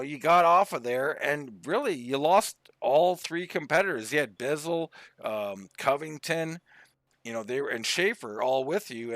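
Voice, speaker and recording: A man's voice: fairly high pitch, a bit bright, no room sound. A man interviewing a driver after a sim race as pit reporter, asking casual, chatty questions.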